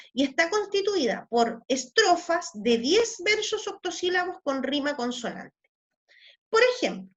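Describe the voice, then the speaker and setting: Teacher lady, high voice, walks the class through it, counts verses out slow. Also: a bit bright. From Chile. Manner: checks in with frequent tag questions; counts out syllables and verses slowly. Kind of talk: explanatory class lesson.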